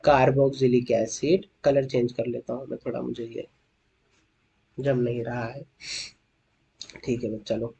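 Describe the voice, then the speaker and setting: A young man teaching chemistry in an online lecture, coaxing his students with questions and slowing down to spell out each formula. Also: medium pitch, level tone, creaky, warm tone, muffled recording, slight background noise. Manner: coaxing students with questions, calls them beta. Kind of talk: online lecture, explaining at a board.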